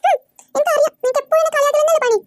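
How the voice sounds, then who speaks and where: A performer voicing a touchy young girl in a cartoon who is quick to feel hurt and sulk. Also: extremely high pitch, fairly even intonation, a little hiss or hum. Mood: sulky. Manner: sulky, quick to take offence.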